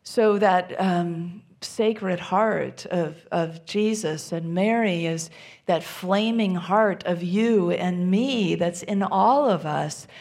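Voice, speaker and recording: A woman minister giving a gentle, reflective sermon, often dropping to a soft near-whisper. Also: mid-range voice.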